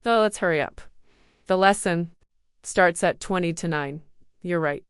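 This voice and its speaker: A woman voicing a punctual schoolgirl in a storybook reading, brisk and urging. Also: lowish voice, clear, resonant tone, no room sound, studio quality, natural voice. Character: punctual schoolgirl who hates being late.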